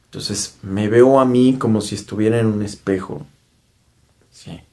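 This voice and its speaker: Unhurried and steady, this man's voice sits on the low side with a darkish tone. He is a spiritual speaker with a Mexican accent, earnestly narrating his own spiritual experience and often checking in with tag questions.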